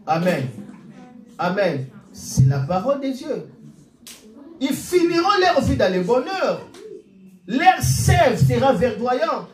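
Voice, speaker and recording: A man in his forties preaching a sermon as pastor, animated and peppered with alleluias and amens. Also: very high-pitched. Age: 40s. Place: church hall. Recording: echoey room, mic at a distance.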